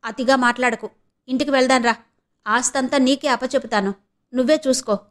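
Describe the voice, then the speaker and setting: A woman voicing a proud, quick-tempered young husband in an audio novel, curt and commanding. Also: high-pitched, steady tone, a bit bright.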